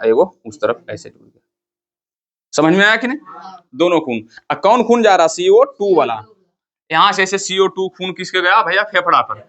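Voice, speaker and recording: A man's voice: on the high side, bright, forceful tone. A man teaching a class, firing questions at the students and repeating the key terms. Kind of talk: classroom lecture.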